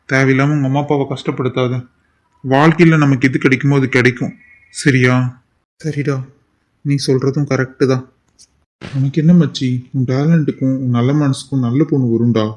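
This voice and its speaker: A man voicing a loyal young friend in a cartoon drama who calmly reassures his friend. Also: medium pitch, moderate pace, pauses often, close to an everyday voice. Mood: consoling. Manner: steady, reassuring, firm.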